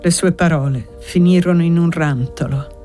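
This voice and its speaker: A woman's voice: fairly low pitch, over music. Woman narrating a classic novel. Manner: measured, literary reading. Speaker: audiobook narrator. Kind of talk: scripted narration.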